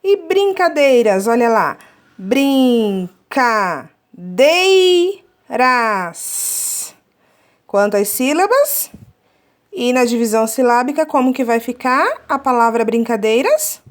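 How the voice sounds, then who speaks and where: A woman's voice: fairly high pitch, expressive. A woman teaching a children's lesson, drawing words out syllable by syllable and often checking in with her class. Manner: slow, drawn-out syllable counting.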